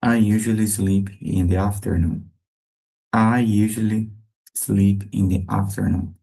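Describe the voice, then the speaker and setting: A man teaching English to beginners. He reads each short sentence twice, slowly and clearly. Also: lowish voice, steady tone, mellow, low-quality recording. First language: Portuguese. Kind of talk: slow repetition drill for beginners.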